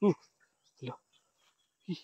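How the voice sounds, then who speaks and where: A man vlogging a paranormal hunt at night, whispering asides to viewers and calling loudly into the dark. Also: slow pace, no echo, dull audio. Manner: hushed asides to viewers, loud calls into the dark. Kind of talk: ghost-hunting vlog narration.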